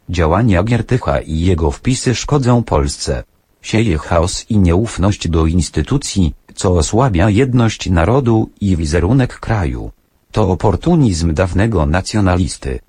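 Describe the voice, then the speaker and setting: A synthetic male text-to-speech voice with a very low, husky tone, reading in an even robot manner. The sound is dry, with no room around it. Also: unhurried, no echo. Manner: even, machine-read delivery. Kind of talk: reading out quoted statements.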